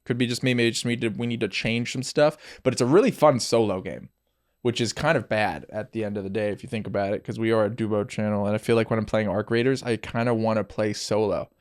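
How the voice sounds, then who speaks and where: A man's voice: on the low side, steady tone, fast. Rambling, playful male podcast co-host. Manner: rambling, playful, trails off mid-thought. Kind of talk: casual chat.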